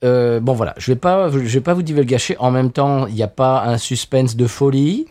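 A man's voice: medium pitch, moderate pace, darkish tone. A middle-aged French man co-hosting a podcast, telling a story in casual chat with many restarts and fillers. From France. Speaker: podcast co-host.

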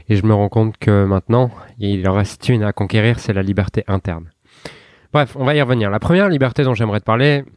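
Young male podcast host from France, speaks low and loose, with frequent restarts, dry close mic. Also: a little mellow, no room sound. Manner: informal, loose, with many restarts and fillers, addressing the listener as tu. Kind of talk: casual spoken podcast monologue.

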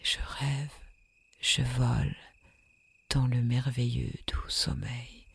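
A woman leading a guided sleep meditation in a soft, soothing, breathy whisper with long hypnotic pauses. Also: a bass voice, level tone.

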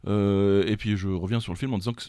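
A man's voice: fairly low pitch, steady tone, fast, mellow, clear, resonant tone, no echo, studio quality. A man from France co-hosting a quiz podcast, joking, laughing often and sing-songing the show's jingles. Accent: French. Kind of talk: playful casual quiz banter.

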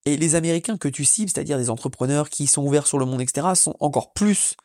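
A man's voice: a little high, fast talker, darkish tone, no echo, clean studio sound. A French man hosting his own podcast, talking casually and energetically on his own with many fillers and restarts. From France. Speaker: podcast host. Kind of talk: casual solo podcast monologue. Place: lives in Orlando.

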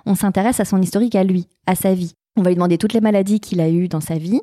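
A woman's voice: medium pitch, steady tone, fast talker, dark tone, no room sound, studio quality. A woman chiropractor answering interview questions, explaining step by step and listing things methodically. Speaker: chiropractor guest.

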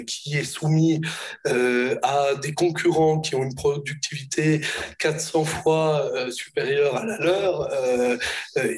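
A man with a hoarse, broken, gravelly voice introducing a public conference in a halting, hesitant way. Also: on the high side. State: hoarse, voice cracking. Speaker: institute director introducing speakers.

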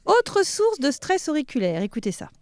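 A woman's voice: high voice, wildly swooping pitch, moderate pace, a little mellow, no room sound. A young woman giving a comic pronunciation lesson in a playful, teasing way, often laughing. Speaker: comic language teacher.

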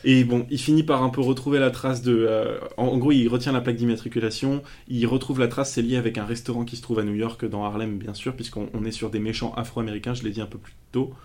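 Male podcast co-host, average pitch, loose anecdotal storyteller who jokes around. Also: fairly even intonation, fast talker, few pauses, darkish tone. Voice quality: storytelling manner with frequent fillers and jokes. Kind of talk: casual film podcast chat.

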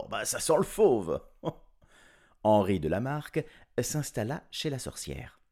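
Male storyteller, children's story, playful and chuckling, deep, gravelly. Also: a little mellow.

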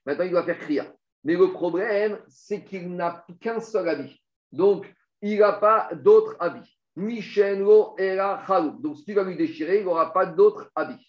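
A man's voice: sits high, unhurried. A man teaching a Talmud class, reading Aramaic passages and explaining them step by step, asking questions and answering them himself. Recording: dull, echoey room recording.

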